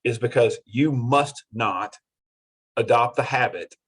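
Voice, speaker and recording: A man's voice: mid-range voice, slow pace, husky, low-quality recording. A middle-aged man lecturing a university class in an earnest, repetitive way. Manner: earnest, repetitive, acts out students in quotes.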